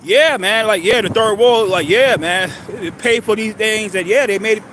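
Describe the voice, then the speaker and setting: A man in his thirties from New York, talking in a rambling, halting monologue full of restarts. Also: high voice, fairly bright tone, a little hiss or hum, low-quality recording. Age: 30s. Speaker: livestream host.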